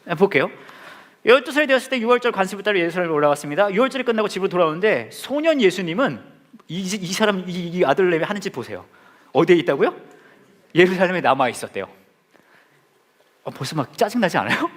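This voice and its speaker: Male preacher, forties, high voice, quick delivery, joking sermon, acts out scenes. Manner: animated and joking, acting out scenes with the congregation. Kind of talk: playful sermon.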